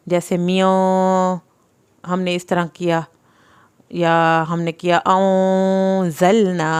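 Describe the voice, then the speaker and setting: In a lowish, slightly mellow voice with a clean tone, a young woman leads a slow Quran recitation lesson. She carefully voices each letter and vowel mark by syllable and afterward explains the governing rules.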